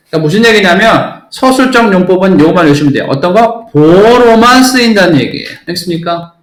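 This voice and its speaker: A male English teacher lectures with a blunt, emphatic delivery and a fairly high voice. He keeps checking whether the class has understood. The room adds a noticeable echo.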